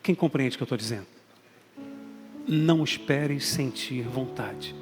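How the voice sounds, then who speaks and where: A man's voice: mid-range voice, a little slow. A man with a Brazilian Portuguese accent preaching a sermon as a bishop, emphatic and calling out to the congregation. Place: large church hall. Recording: long hall reverb, faint music.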